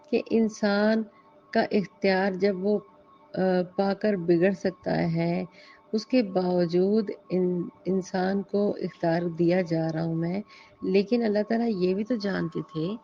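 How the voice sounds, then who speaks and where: A woman lecturing on scripture in an easy, conversational manner, reciting verses and slipping in English words. Her voice sits at a middle pitch. The recording is muffled and lo-fi, with soft music faintly in the background. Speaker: Quran teacher. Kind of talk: religious lecture explaining scripture. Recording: dull lo-fi audio with faint music.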